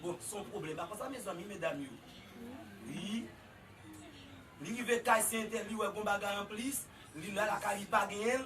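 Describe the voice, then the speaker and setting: A man preaching a sermon in a church with a Haitian Creole accent, swinging from low murmurs to shouted exhortations. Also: normal speed, far from the mic.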